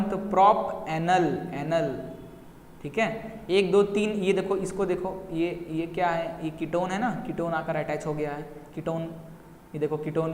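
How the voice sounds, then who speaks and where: A young man teaching chemistry at a whiteboard, talking directly to his students and repeating key points to coax them along. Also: a little high. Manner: repetitive, coaxing, addresses students directly. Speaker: science teacher. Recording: echoey room with long reverb, faint noise.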